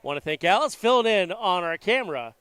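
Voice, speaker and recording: A man who's the play-by-play announcer and station manager gives easygoing, self-deprecating live commentary on a school volleyball game from a gymnasium. Just over a flu, he sounds congested; his voice sits high and is animated, fairly quick, a bit bright, and smooth.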